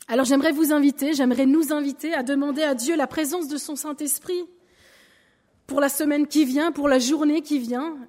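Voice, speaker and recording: A woman giving a lively sermon in church, acting out an illustration with a balloon. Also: high-pitched, in a large hall. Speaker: church speaker. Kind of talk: sermon with object lesson.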